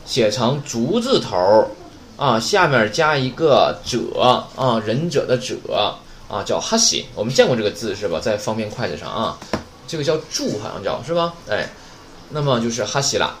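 Chatty and joking, this man teaches Japanese vocabulary in a medium-pitched, sing-song voice at a moderate pace, frequently tossing out rhetorical questions. There's roomy echo and some faint background noise.

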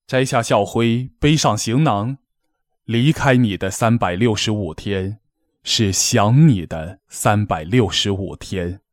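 With a fairly low-pitched voice, a man acting as gala host and master of ceremonies gives a solemn, declamatory, measuredly phrased reading of a scripted, poetic address. It's studio quality, with no echo.

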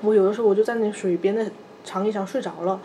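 A woman in her thirties, a podcast co-host, telling a personal story in a soft, halting way, often repeating small fillers. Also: mid-range voice, steady tone, slight background noise. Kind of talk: personal storytelling in casual chat.

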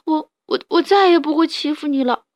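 A woman voicing a young male rabbit bully who whimpers and pleads in a high, tearful voice for a storybook tale. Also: animated, moderate pace, a bit bright. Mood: pained, pleading.

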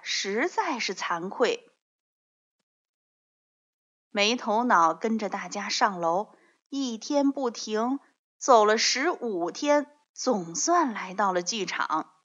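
A woman telling a children's story in an expressive, scripted narration, addressing young listeners directly. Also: mid-range voice. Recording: slightly dull, lo-fi audio.

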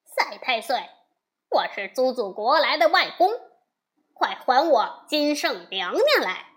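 A cheeky monkey hero taunts and scolds with loud, bouncing lines, rising high at the end of his jabs, as a woman puts him on. This is storybook voicing with plenty of swing in the pitch. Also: lively intonation, a little slow. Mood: taunting. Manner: cocky and teasing. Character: cocky mischievous male monkey hero, teasing.

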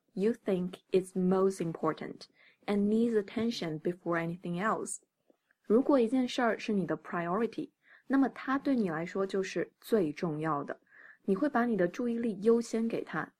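A woman's voice: mid-range voice, a little mellow. A woman hosting an English-learning podcast who reads each English sentence twice and then explains it with patient, teacherly care. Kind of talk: scripted podcast lesson.

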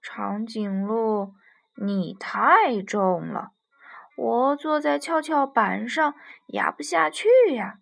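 A friendly little puppy from a children's storybook, as a woman puts it on. It argues in a slow, stubborn way. The voice is high and slightly gravelly. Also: animated, fairly bright tone, exaggerated voice.

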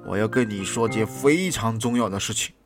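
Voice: medium pitch, fairly quick, natural voice. A reader voicing a serious, lecturing talking clock in a children's storybook, over backing music. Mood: solemn. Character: talking clock, stern and solemn. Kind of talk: storybook reading. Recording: music playing behind the reading.

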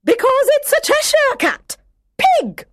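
A haughty storybook Duchess who barks everything in a loud, shrill, bossy voice, as a man puts her on. Her pitch leaps far above the reader's own and swings widely. The sound is close and dry. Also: wildly swooping pitch, unhurried, no room sound, exaggerated voice. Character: haughty rough noblewoman, the Duchess.

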